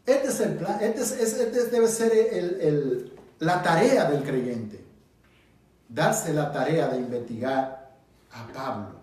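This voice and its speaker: An echoey room, recorded from a distance, carries a man's animated, slow, slightly mellow voice on the high side. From the Dominican Republic and speaking with a Dominican Spanish accent, he teaches an interactive Bible study, putting questions to the group and pushing his points emphatically.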